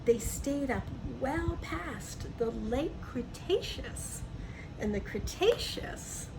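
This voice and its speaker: Speaking slowly in a high, animated voice, a woman reads a picture book to little ones, with casual asides, simple explanations and questions directed at the listener. The recording is clearly noisy.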